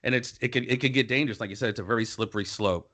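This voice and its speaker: A man hosting an interview, chatty and rambling, with quick asides. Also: mid-range voice, sharp tone. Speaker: interview host. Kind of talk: casual interview chat.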